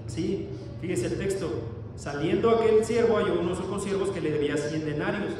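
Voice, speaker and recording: A man's voice: sits high, normal speed, noisy background. A man preaching a sermon, reading verses aloud and asking the congregation questions as he explains them. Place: church hall. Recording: echoey church hall, distant mic.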